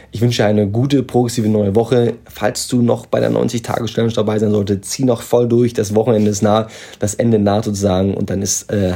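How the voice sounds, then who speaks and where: Low-ish husky guy, fitness podcast host pumping people up, crappy low quality audio. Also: mellow. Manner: motivational, plain-spoken, slangy. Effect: poor low-quality audio. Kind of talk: casual podcast monologue. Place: on vacation.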